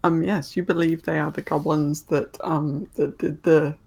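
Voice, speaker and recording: A man improvising narration as a tabletop game master, halting as he searches for words. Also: fairly high pitch, flat delivery, vocal fry, a little mellow, slightly rough.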